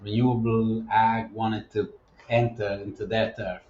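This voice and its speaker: Low-ish guy explaining industry stuff, lots of restarts, echoey muffled room. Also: little pitch movement, darkish tone, slight background noise. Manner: measured, explanatory, with frequent restarts. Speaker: business development advisor, guest. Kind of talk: podcast interview answers.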